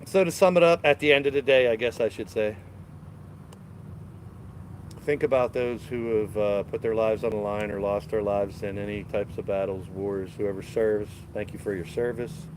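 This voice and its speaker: Speaking on the low side with fairly even intonation and a moderate pace, a man with a cold wanders his backyard garden on a casual live stream. He holds his phone camera as he walks, talking to chat in a relaxed, meandering way, and the recording carries a little hiss or hum.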